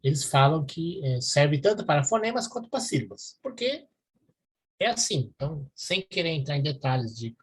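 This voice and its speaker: A man's voice: a little high, very animated, moderate pace, husky. A man, giving a university lecture and explaining step by step while checking in with his students. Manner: explanatory, checks in with listeners often. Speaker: university professor.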